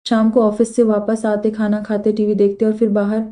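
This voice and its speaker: A woman's voice: mid-range voice, completely flat delivery, normal speed, warm tone, close to an everyday voice. A woman voicing a playful young bride in a storybook reading, sulky and on the edge of tears. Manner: sulky, tearful.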